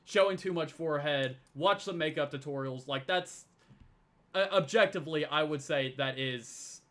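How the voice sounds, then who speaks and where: Stammering young man with a higher voice. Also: a bit bright. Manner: halting, stammers and repeats words. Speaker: debater. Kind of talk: casual online debate.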